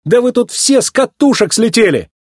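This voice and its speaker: A man voicing a brash, impatient young male race car who shouts indignantly. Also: sits high, animated, normal speed, breathy edge, dry recording, studio quality, voice pushed up. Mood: outraged.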